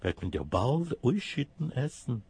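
A man's voice: mid-range voice, big pitch swings, measured pace, darkish tone, breathy edge, dry recording, heavily acted. A man voicing a fussy, kindly hen who clucks shrilly. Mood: clucking.

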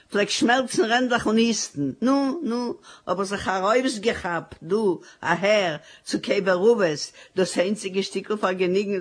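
A woman's voice: mid-range voice, close to an everyday voice. A woman performing a dramatic monologue as a poor grieving widow with five children, in a wailing, sing-song lament.

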